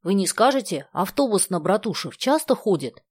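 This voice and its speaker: A woman reading aloud the lines of a confident, argumentative teenage boy in a calm, even manner. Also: mid-range voice, normal speed, breathy edge, no room sound, studio quality, voice pushed up. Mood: self-assured. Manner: self-assured, argumentative.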